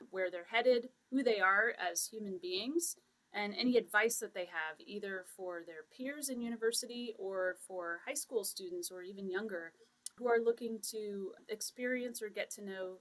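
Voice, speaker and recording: A woman's voice: medium pitch, a bit bright. Upbeat woman hosting a podcast. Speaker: podcast host. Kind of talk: casual interview.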